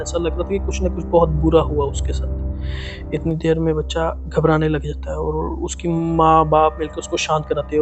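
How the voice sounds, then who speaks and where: A man's voice: a little high, a little mellow. A young man vlogging, retelling a creepy story in a casual, dramatic way with lots of repetition.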